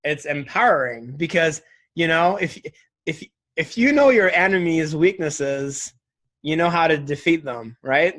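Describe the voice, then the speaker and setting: A man in his twenties speaks as a guest in a relaxed interview, in a voice that sits a little high. He is candid and reflective, and he talks loosely, leaning on "like" and "right?" as he thinks aloud. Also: a little slow. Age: 20s. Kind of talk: casual interview conversation.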